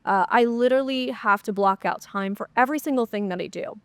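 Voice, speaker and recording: In a dry recording, a podcast host talks fairly quickly through a casual solo Q&A, her voice slightly high, clear and resonant. She keeps things chatty and upbeat with lots of fillers. Her cold leaves her sounding a bit nasal and stuffy.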